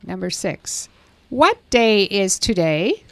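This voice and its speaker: A woman reading English lesson prompts slowly and with clear, careful enunciation. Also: medium pitch, big pitch swings, no room sound. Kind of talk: scripted language lesson dialogue.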